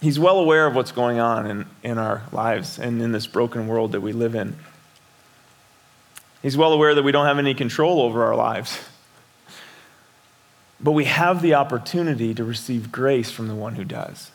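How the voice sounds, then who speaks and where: A middle-aged pastor preaches a sermon conversationally, often repeating words and putting questions to his listeners. His voice is mid-range, his speed normal, and he takes long pauses.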